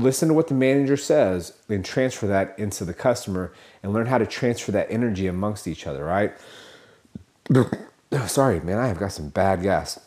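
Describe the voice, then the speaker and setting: A podcast host with a somewhat low, warm voice speaks alone into his mic, coaching car salespeople in a casual monologue. He rambles, restarts, fills space with fillers and self-corrections, and stays motivational, addressing his listeners as "guys."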